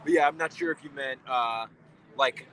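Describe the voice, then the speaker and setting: Live-streaming outdoors, a man answers his chat casually and hesitantly, often rephrasing himself. His voice is medium-pitched at a normal speed, with crowd chatter behind him.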